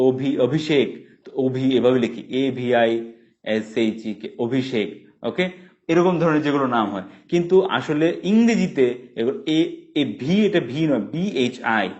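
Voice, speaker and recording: Man, Bengali accent, English tutor, mid-pitched voice, muffled recording. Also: darkish tone. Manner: slow drilled English phrases, quick explanations. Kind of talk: bilingual spoken English lesson. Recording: dull lo-fi sound.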